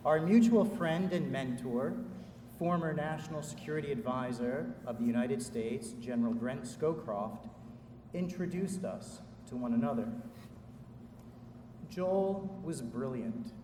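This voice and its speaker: A man's voice: medium pitch, expressive, measured pace, warm tone. Echoey, distant man giving a formal speech. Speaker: ceremony speaker introducing an orator. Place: large indoor hall at a school commencement. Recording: echoey hall, distant mic, faint noise.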